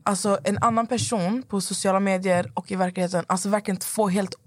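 A woman's voice: medium pitch, steady tone, no echo, studio quality. A woman co-host in a casual chat, teasing and chatty as she explains a game.

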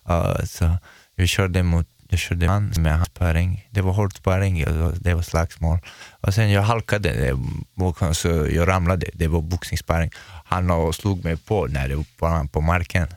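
A man's voice: deep voice, steady tone, vocal fry, hardly any pauses, darkish tone, no room sound. A young man who is a guest and a fighter, telling stories casually and acting out what other people said. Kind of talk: casual podcast conversation.

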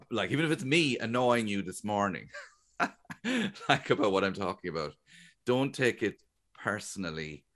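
A middle-aged Irish man, a guest comedian, talking chattily and jokingly in a radio interview. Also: fairly low pitch. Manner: chatty, animated, jokey storytelling.

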